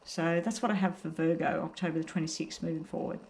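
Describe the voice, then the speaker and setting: A woman giving a casual, unhurried tarot card reading while suffering from a very sore throat. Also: low voice, steady tone, creaky, darkish tone, slight background noise, rough recording. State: very sore throat, may choke up.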